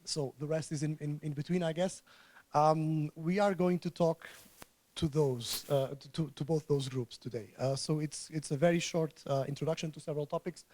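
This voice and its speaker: A man gives a conference talk to a room of listeners. His voice is hoarse and sits fairly high, and he often stalls and repeats words. The sound is close and dry. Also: fairly even intonation, darkish tone, dry recording. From Portugal. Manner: halting, repeats words as he restarts. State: hoarse, recovering from illness. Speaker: conference speaker. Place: conference room before an audience.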